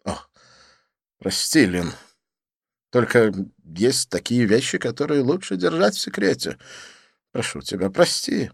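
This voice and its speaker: A man voicing an excitable, theatrical, quick-tempered gossip in an audiobook, with a shrill, exclamatory, huffy delivery. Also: creaky, breathy edge, no echo, clean studio sound, heavily acted. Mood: wounded, pleading. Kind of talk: audiobook character voice.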